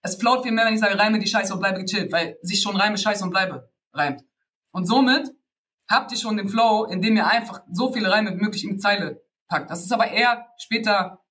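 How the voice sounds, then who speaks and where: A man's voice: high voice, moderate pace, bright, forceful tone. A man giving a casual spoken lesson on rapping, loose and slangy, with many fillers and little laughs between points. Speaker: rap workshop teacher.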